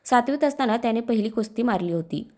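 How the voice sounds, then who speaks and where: A woman's voice: on the high side, lively intonation, quick pace, darkish tone. A woman reading a village story aloud, voicing every character herself in her own voice with dialect dialogue. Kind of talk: scripted story narration with dialogue.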